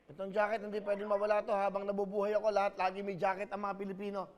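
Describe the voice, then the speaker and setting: A man's voice: high-pitched, monotone, rapid-fire, big-room sound. A man hosting a studio game show, chatting with a caller on the phone in a playful, teasing way.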